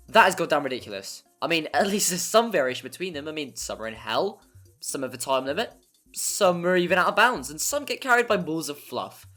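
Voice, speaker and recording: Over background music, a narrator with a mid-range, fairly bright voice reads a scripted video game review. The delivery is wry, hyperbolic, and mildly sweary.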